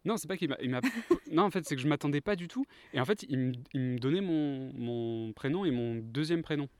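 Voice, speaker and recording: A man from France, co-host of a travel podcast, telling travel anecdotes in a relaxed, casual chat. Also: a little high, a little fast, no room sound.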